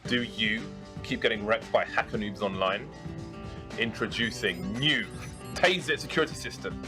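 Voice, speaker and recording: A man's voice: fairly low pitch, normal speed. A man doing a parody ad voice-over in a mock salesman delivery. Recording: ad with loud music.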